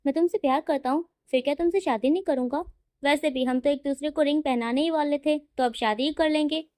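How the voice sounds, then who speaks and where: A woman voicing a cheerful, excitable young man who is newly married. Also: high-pitched, a little fast, lightly acted. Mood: excited.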